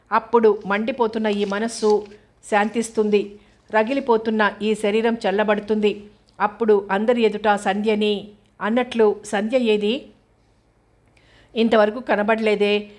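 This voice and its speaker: A woman narrating an audio novel, reading in a steady, measured way. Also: mid-range voice. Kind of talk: scripted narration.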